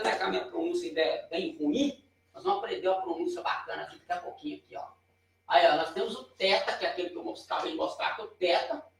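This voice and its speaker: A man's voice: sits high, vocal fry, far from the mic. A man with a Brazilian Portuguese accent giving a chatty, informal lesson at a board, pointing and correcting himself as he explains. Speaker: teacher. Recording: very echoey room, voice off-mic.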